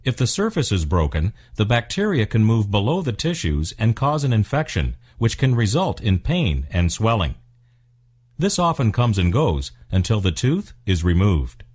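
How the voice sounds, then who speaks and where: Reading from a script, the male narrator of a dental explainer video delivers instructions with formal, measured care. His voice is fairly low and slightly rough, and its pitch rises and falls animatedly within each line.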